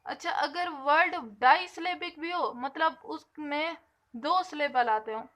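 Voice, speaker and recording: A woman with a high-sitting, slightly bright voice teaches an English grammar lesson. She explains patiently and stretches out the example words slowly.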